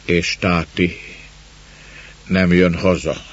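A man voicing a lonely young peasant girl who answers in short, quiet replies. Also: low-pitched, fairly even intonation, husky, dull audio.

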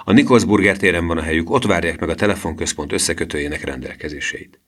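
A man voicing a bossy, quick-tempered boy who leads a gang of children, reading him as a commanding figure in an audiobook. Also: low voice, a bit bright. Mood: angry. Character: bossy excitable boy leader, the professor.

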